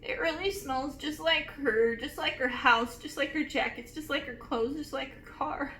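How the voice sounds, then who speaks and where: A woman in her twenties casually reviewing perfumes, gushing and emotional with drawn-out emphasis. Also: high-pitched, sharp tone. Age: 20s. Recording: echoey room with faint noise.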